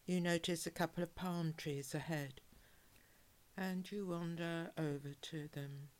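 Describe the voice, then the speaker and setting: A woman guiding a relaxation hypnosis in a calm, measured, soothing way, with soft, breathy phrase endings. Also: lowish voice. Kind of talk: guided relaxation hypnosis, soothing scripted narration.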